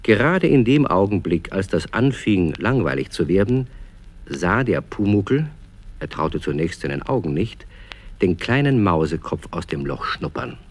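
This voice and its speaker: A man narrating a children's radio story in a calm, measured way. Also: low-pitched.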